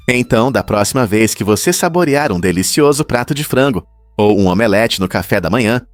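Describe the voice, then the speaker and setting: Guy doing fact-list narration, lowish voice, dry voice-over, bit of music under it. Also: no echo. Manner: even, explanatory, asks the listener rhetorical questions.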